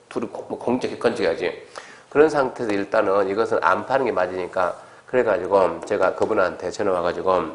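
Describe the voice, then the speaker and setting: A male lecturer giving an exam-prep lecture in a conversational way, acting out little exchanges as he explains. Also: medium pitch. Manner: conversational, acts out quoted exchanges.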